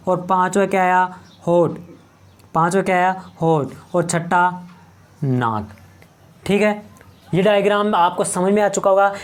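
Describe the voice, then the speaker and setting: A man from Rajasthan leads a board lesson, quizzing his students and then answering his own questions. He repeats each term several times and stretches out the words as he drills them. His voice sits fairly high for a man. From Rajasthan, India. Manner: asks the class questions and answers them himself, repeating key terms; slow, drawn-out drilling of words. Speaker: teacher. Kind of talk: exam-prep grammar lesson at a board.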